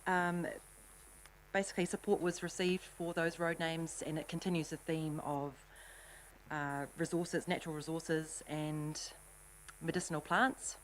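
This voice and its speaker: A New Zealand woman on the council staff presents road names to councillors, a little out of breath. Her voice sits on the low side, and faint noise runs under the recording. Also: little pitch movement, measured pace, rough recording. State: slightly out of breath. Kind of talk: meeting presentation.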